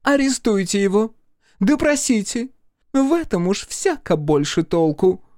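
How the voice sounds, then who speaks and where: A man's voice: high voice, big pitch swings, measured pace, a little mellow, dry recording, clean studio sound, pitched above the performer's own voice. A man reading a story aloud, voicing a domineering middle-aged mother who speaks curtly and imperiously. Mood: indignant. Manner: curt, imperious, clipped.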